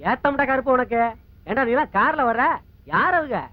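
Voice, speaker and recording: A man's voice: extremely high pitch, brisk, dry recording. An actor playing a proud, brash male villager. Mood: boastful. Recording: tinny phone-like film audio.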